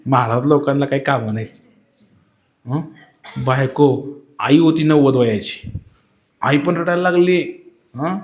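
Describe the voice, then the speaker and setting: A male preacher telling a story in a sermon, animated, and checking in with his audience often. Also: medium pitch, measured pace, long pauses.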